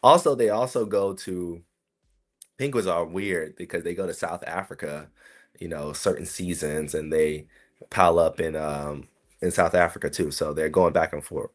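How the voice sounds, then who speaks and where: A man's voice: low voice, fairly even intonation, normal speed. A man from South Carolina, hosting a casual solo podcast and talking to his listeners in a chatty, rambling way. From South Carolina, USA. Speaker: podcast host.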